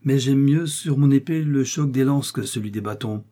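A man's voice: mid-range voice, normal speed, dark tone, voice pushed up, natural voice. A man voicing D'Artagnan, a bold, teasing young male musketeer, in a read French novel. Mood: assured.

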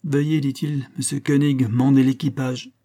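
A man's voice: medium pitch, level tone, moderate pace, dark tone, voice pushed up, close to an everyday voice. Man doing a weary, firm ship captain. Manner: firm, commanding.

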